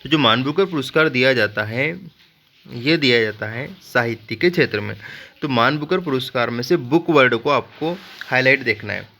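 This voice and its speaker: A man's voice: medium pitch, expressive, normal speed, sharp tone. A male teacher giving a general knowledge lesson built on memory tricks. He jokes with his students and keeps checking in with "ठीक है". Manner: playful, joking asides to students.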